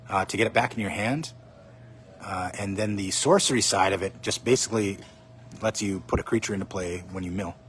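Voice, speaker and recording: A man casually chatting on a livestream as he opens card packs, excitedly calling out each card he pulls, his voice a little hoarse. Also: medium pitch, slight background noise. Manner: chatty, excited, naming cards as he pulls them. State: slightly hoarse. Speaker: card box opening streamer.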